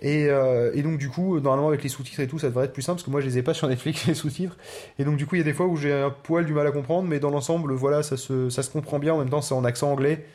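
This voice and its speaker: A man co-hosting a podcast in relaxed casual chat, hesitating with many fillers. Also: a little high, racing. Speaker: podcast co-host.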